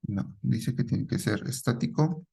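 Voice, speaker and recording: A man teaches a programming class live, quizzing students and echoing their replies while closing lines with a checking "¿sí?". His medium-pitched voice is warm, husky, and creaky, and he speaks at a measured pace.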